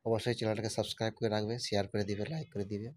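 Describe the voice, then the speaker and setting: A woman speaks as a teacher with an unusually deep, low voice. She talks fast and repeats her points, coaxing students and checking in with them as she goes. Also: flat delivery, darkish tone. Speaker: exam-prep teacher. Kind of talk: casual exam tips to students.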